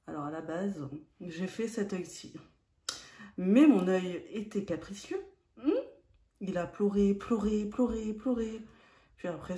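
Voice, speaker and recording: A woman explaining a makeup look step by step, in a calm tutorial manner. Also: medium pitch, echoey room. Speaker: beauty vlogger.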